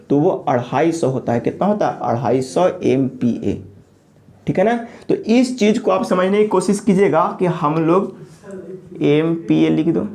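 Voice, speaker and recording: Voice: mid-range voice, dark tone. An engineering lecturer who asks questions, answers them, and repeats key terms while checking in with the listener. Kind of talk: classroom lecture.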